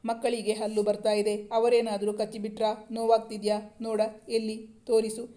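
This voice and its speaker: Narrator doing a fussing older mother-in-law in a storybook reading, mellow and even. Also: a little high, normal speed, close to an everyday voice. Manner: fussing, tender questions.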